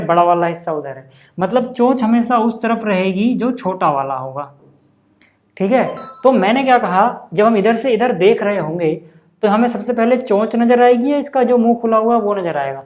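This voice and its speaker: A man teaching a maths lesson at a board, patiently repeating examples and often pausing to ask the class whether it makes sense. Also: high-pitched, darkish tone. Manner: keeps checking in with rhetorical questions.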